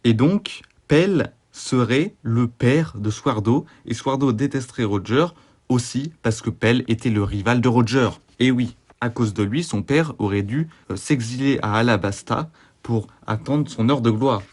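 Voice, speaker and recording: A man hosting a mock-serious fan theory video, delivering far-fetched analysis deadpan and over-earnest, with frequent hesitations. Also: mid-range voice, unhurried, no echo. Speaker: YouTube host.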